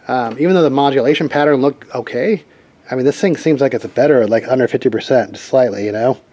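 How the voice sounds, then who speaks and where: Fast and warm in a mid-range voice, a hobbyist radio operator walks through his equipment in an informal hands-on demo. He rambles casually, voicing his thoughts as they arise.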